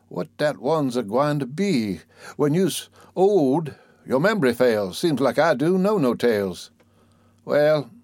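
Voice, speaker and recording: A man voicing an old storyteller, fond and scolding, dry close sound, middle pitch. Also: dry recording. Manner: fond, scolding, folksy drawl. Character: old storyteller coaxing a fussy child. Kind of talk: dialect poem recitation.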